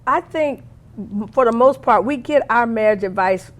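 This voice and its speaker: A woman's voice: fairly high pitch, normal speed. A woman guest in a casual interview, stressing her points by repeating phrases.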